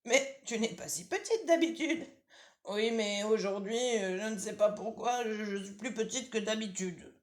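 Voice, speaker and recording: A woman's voice: medium pitch, moderate pace, voice pushed up, close to an everyday voice. A woman doing a starving wolf faking a girl. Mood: hesitant. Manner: hesitant, stammering. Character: skinny hungry male wolf faking a little girl. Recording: roomy echo.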